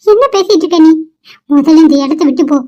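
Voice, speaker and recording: A flustered young cartoon woman, trapped by a marriage she does not want, as a woman voices her. Her voice is very high. The sound is dull and lo-fi. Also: quick pace. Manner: pleading, flustered. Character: troubled young village woman facing an unwanted marriage. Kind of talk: dubbed cartoon dialogue. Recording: dull lo-fi recording.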